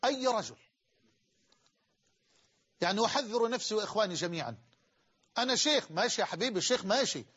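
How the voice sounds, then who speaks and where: A man's voice: sits high, very animated, fairly quick, pauses often, sharp tone, slightly rough. A man with an Egyptian accent preaching a sermon in an impassioned, emphatic way. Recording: dull lo-fi recording.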